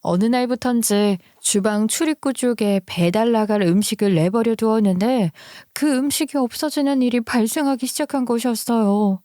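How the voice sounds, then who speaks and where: A woman's voice: fairly high pitch, normal speed, few pauses, dark tone, no echo, studio quality. A woman narrating a true-life story in a conversational, emotive radio style.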